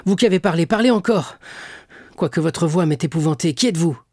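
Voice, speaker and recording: A man voicing a young sailor locked in prison, crying out and pleading in a raised, raspy voice. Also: mid-range voice, steady tone, brisk, a little mellow, dry recording, clean studio sound, natural voice. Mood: eager. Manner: crying out, pleading, eager answers.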